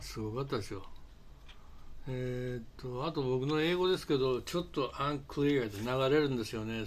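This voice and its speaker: An older man talks casually to camera as an English conversation teacher. His pitch sits in the ordinary middle range for a man. He rambles and halts, often starting over and filling pauses with hesitation sounds. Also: a little hiss or hum. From Japan. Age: 60s. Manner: rambling, halting, full of fillers and restarts.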